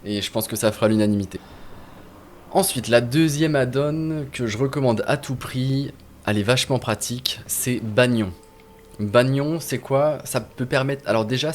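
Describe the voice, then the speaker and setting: Casual male gaming host, mid-pitched voice, chatty and informal, faint background hiss. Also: a little slow. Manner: chatty, informal, many fillers and restarts. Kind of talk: casual screen-share tutorial.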